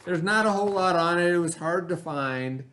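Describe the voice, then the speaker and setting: A man with a high-sitting, somewhat bright voice reads a lesson aloud to children, mixing the reading with asides. He teaches by pausing to pose questions and answer them. Slight hiss or hum is audible.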